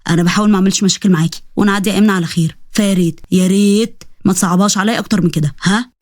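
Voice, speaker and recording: A woman's voice: mid-range voice, fairly even intonation, racing, darkish tone, no echo, pitched below the performer's own voice, close to an everyday voice. A woman voicing a proud, sarcastic young man with an Egyptian accent, speaking in a dry, wry manner.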